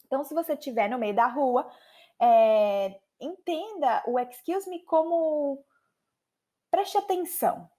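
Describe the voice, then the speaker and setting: A Brazilian woman hosting a podcast English lesson, lively and chatty, slowing down to repeat phrases for practice. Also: high-pitched. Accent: Brazilian Portuguese. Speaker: podcast host and English teacher.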